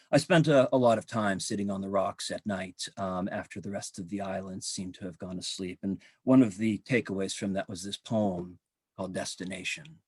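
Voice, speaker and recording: A man's voice: low voice, dry recording, clean studio sound. Man reading his own poems aloud. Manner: measured, dramatic reading with slow drawn-out phrases; relaxed, halting asides with frequent ums. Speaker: poet. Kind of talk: poetry reading. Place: home, virtual event. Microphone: video call.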